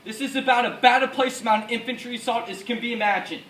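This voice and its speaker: A man acts a male American WWII paratrooper officer recalling battle in a rehearsed, dramatic war monologue. His high, fairly bright voice moves fast, earnest, solemn, and resolute. The recording sounds distant and echoey, with faint noise.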